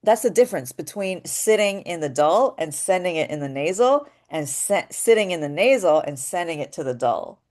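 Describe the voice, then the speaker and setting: A woman's voice: on the low side, lively intonation, normal speed, hardly any pauses, a little mellow. A woman teaching voice acting in a casual spoken lesson, explaining her ideas step by step and often asking "right?". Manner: explanatory and thoughtful, with frequent "um" and "right?".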